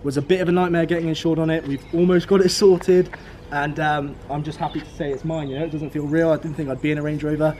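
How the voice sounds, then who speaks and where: A twenty-something man from the United Kingdom, speaking British English, vlogs beside a car outdoors with a casual, upbeat motivational message, restating his key numbers. He talks quickly in a steady tone, his voice slightly high and mellow, over a faint hiss or hum.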